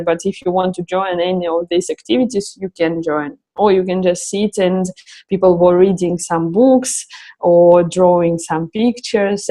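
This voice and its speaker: A woman's voice: on the low side, a little mellow, rough recording. A woman, founder of a travel project, answering interview questions while her voice is giving out; she searches for words, with frequent fillers and restarts. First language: Russian. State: losing her voice.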